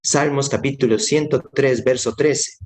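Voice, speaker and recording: A man delivers a sermon with steady, earnest conviction. He repeats his main points for emphasis and speaks straight to the listener as a fellow believer, in a voice of ordinary middle pitch. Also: a little slow, husky. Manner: addresses listener directly as brother. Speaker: preacher.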